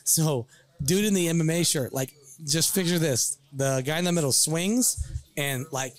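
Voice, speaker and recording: A man casually telling a story on a podcast, animated, swearing freely and acting out what people said. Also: on the high side, normal speed, faint music behind. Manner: animated, swears freely, acts out quoted lines. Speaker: podcast storyteller, bar worker.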